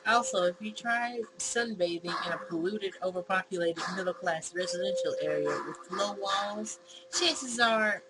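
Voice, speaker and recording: In a low-quality recording, a woman with a medium-pitched voice reads visual novel dialogue at a moderate pace while hosting a gaming video. She acts the lines out casually and throws in asides, with game music playing behind her.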